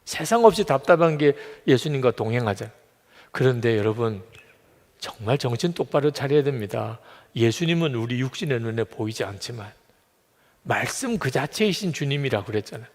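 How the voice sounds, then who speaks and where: A male pastor preaching a sermon, telling stories with animated swings between loud emphasis and hushed asides. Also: mid-range voice, normal speed. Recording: long reverb of a large hall.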